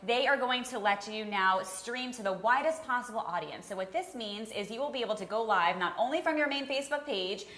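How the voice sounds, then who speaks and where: A woman hosting a live web show, promoting an event and reading social media news in a brisk, promotional way. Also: fairly high pitch, animated, fairly bright tone, echoey room. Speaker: host.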